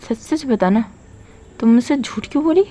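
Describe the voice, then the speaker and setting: A woman's voice: a little high, moderate pace, dark tone, natural voice. A woman voicing a bewildered young man who suddenly hears other people's thoughts and struggles to explain. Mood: insistent.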